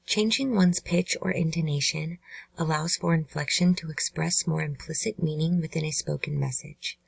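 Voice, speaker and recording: A woman hosting a true crime channel, giving measured, earnest scripted narration. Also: low-pitched, fairly even intonation, gravelly, breathy edge, no echo, rough recording.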